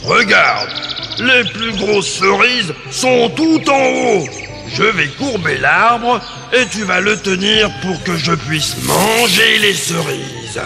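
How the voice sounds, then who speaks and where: A man growling as a gravelly storybook giant. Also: high-pitched, lively intonation, music in the background, voice pushed up, heavily acted. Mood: scheming. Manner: slow, growling speech. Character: huge gruff male giant, suspicious and boastful. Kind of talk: storybook cassette narration. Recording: long hall reverb.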